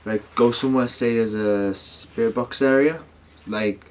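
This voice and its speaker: A man's voice: medium pitch, fairly even intonation, measured pace, a little mellow. A man talking casually to his viewers as a paranormal vlogger, rambling and slangy, often correcting himself. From United Kingdom.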